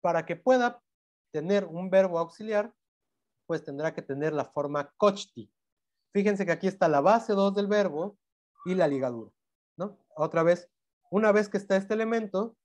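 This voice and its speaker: A man's voice: high voice, darkish tone. Man, Mexican Spanish accent, university lecturer, grammar lesson, patient, self-correcting, tag questions. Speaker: university language teacher.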